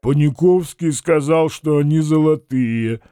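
A man's voice: on the high side, measured pace, mellow, smooth, no room sound, studio quality, lightly acted. A man doing a sheepish, simple-minded sidekick.

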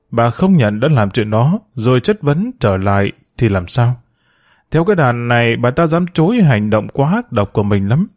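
Man, storybook narration, even delivery, mid-range voice. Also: mid-range voice, dry recording, clean studio sound.

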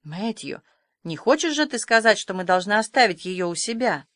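Woman reading as a stern old farm lady, sharp and bossy, dry close sound. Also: mid-range voice, very animated, moderate pace, no room sound. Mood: scolding. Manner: sharp, scolding, decisive.

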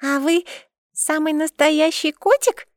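Little girl, squeaky, shrill, bold, naive, audiobook, dry sound. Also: slow pace, no room sound. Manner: squeaky, shouting childish voice.

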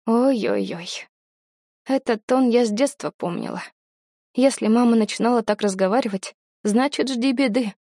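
A woman reads a novel aloud in the first person, lively and wry. Her voice is mellow and dark, recorded close and dry with no room around it. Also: on the high side, moderate pace, no echo. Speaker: audiobook narrator. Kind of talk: first-person storybook narration.

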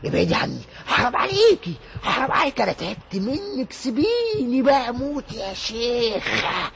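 A man voicing a terrified young man in an Egyptian accent, pleading and cursing at a ghost in a frantic, shrill voice. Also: huge pitch swings, moderate pace, vocal fry, very noisy, exaggerated voice. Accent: Egyptian Arabic.

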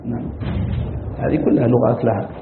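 A man teaching, making unhurried comments and corrections on a student's reading and confirming with short replies. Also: medium pitch, steady tone, gravelly. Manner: unhurried remarks, affirms with short yes. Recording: tinny, echoey hall recording with hiss.

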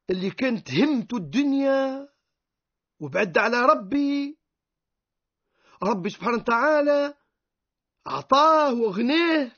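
A man's voice: extremely high pitch, fairly bright tone. A man with a Tunisian accent, a sheikh giving a radio lecture on the Quran who poses rhetorical questions and answers them himself. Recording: dull lo-fi radio recording.

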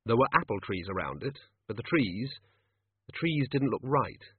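A man narrating a story in a wry, measured manner. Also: medium pitch, sing-song, slightly rough, no echo. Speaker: audiobook narrator. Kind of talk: scripted narration. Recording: tinny phone-like sound.

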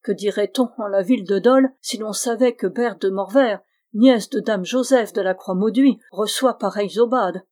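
Stern old aristocratic aunt read by a woman, severe, formal, mid-pitched. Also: moderate pace, hardly any pauses, darkish tone, lightly acted.

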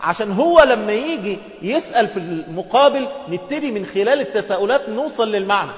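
An Egyptian man with a notably high voice talks through a communication skills lesson. He explains patiently and acts out brief example dialogues along the way. The recording sits in a large, reverberant hall. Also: animated, fast talker. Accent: Egyptian Arabic. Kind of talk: instructional talk to women viewers. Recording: echoey hall with long reverb.

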